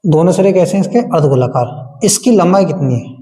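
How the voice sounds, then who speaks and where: Animated and fairly quick, a man with a slightly high, dark voice teaches maths amid long hall reverb. He works board-exam problems step by step, chants times tables, and answers the questions he asks the class.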